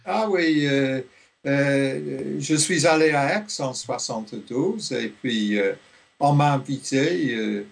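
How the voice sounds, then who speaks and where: An older man from Liverpool, a theology professor, speaking in a radio interview, slowly and with many hesitations. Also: medium pitch, creaky. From Liverpool, England. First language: English. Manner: slow, halting, many fillers.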